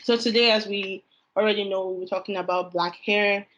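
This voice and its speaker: A woman in her twenties hosts a panel discussion, her voice held level with little rise and fall. She lays out her questions slowly and carefully. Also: medium pitch, fairly even intonation, fairly bright tone, a little hiss or hum, poor audio. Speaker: podcast host. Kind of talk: hosting a panel podcast.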